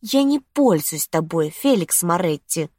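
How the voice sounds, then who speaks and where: Женщина-чтица озвучивает игривую, влюблённую молодую женщину, мягко и с придыханием. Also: female voice, lowish voice, animated, a little slow, a little mellow, dry recording, clean studio sound. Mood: flirty.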